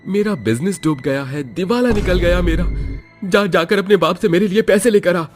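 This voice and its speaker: A man's voice: mid-range voice, big pitch swings, moderate pace, over music, pitched above the performer's own voice, lightly acted. A man voicing a young husband who is polite with his in-laws and harsh with his wife. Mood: angry. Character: young husband, turns angry and drunk.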